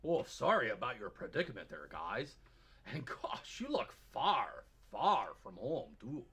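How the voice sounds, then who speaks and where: Casting: grizzled old-timer prospector, husky, swooping folksy drawl, comedy sketch. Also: male voice, mid-range voice, huge pitch swings, a little slow, sharp tone, heavily acted. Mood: folksy, amused. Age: older. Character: folksy old prospector in a Yukon miner's shack.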